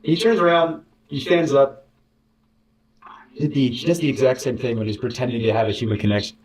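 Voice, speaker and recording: A man's voice: medium pitch, steady tone, a little fast, darkish tone. Man telling a bitter story in an echoey room. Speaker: interview guest, former contestant. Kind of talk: candid storytelling. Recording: roomy, distant mic.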